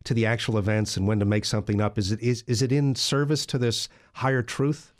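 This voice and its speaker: Brief: man with a lowish voice, interviewer, easygoing, hesitant phrasing. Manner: relaxed, hesitant, quick to laugh. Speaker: interviewer host. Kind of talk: interview questions.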